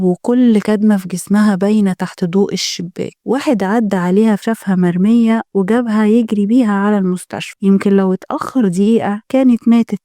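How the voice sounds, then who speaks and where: A woman's voice: mid-range voice, mellow, dry recording, clean studio sound. Egyptian woman narrating suspenseful film recaps. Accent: Egyptian Arabic. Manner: suspenseful storyteller. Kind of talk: dramatic scripted narration.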